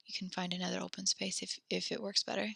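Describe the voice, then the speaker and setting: Her voice is lowish, gravelly, and husky with a bit of brightness, and she talks fast in a level tone. This young woman teaches French online, slightly out of breath, in a dry, close-miked recording from a headset or desk mic. She is encouraging and patient, laying things out step by step.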